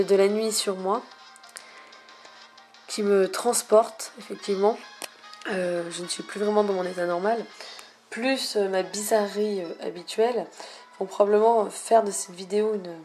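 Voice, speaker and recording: Hushed young woman, quiet night-time gamer. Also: fairly even intonation, a little slow, pauses often, soft background music. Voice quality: low-volume, hushed voice slipping into whispers. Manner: lyrical, florid wording with many hesitations. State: slight cough lately. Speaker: video game player narrating own recording. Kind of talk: hushed late-night game commentary.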